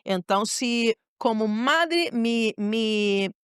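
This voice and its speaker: A woman's voice: a little high, lively intonation, very slow, clean tone, no echo, studio quality. A middle-aged woman, a pastor and mother, telling a personal story earnestly in a podcast conversation, often repeating phrases. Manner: earnest, repeats phrases, acts out her own words.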